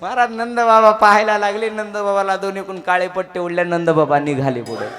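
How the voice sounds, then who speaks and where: A man from Maharashtra preaching a kirtan, telling a devotional story in a lively way, talking to his listeners and calling on them to clap. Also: high voice, brisk. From Maharashtra, India. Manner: lively storytelling, addresses listeners, calls for clapping. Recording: clear music behind.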